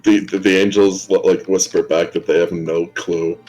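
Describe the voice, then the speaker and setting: A man's voice: low-pitched, flat delivery, normal speed, a little mellow, faint music behind, rough recording. A man narrating as game master of a tabletop role-play stream, casual and stammering. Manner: casual, stammering restarts, laughs often. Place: home room, live stream.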